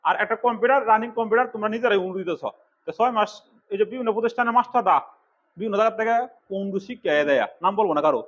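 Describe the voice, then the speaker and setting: A middle-aged man from Bangladesh lectures his computer class at a rapid clip, his voice sitting fairly high. He scolds and urges the students in turn. The recording is dull and lo-fi. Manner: fast, scolding and exhorting. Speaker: computer course instructor.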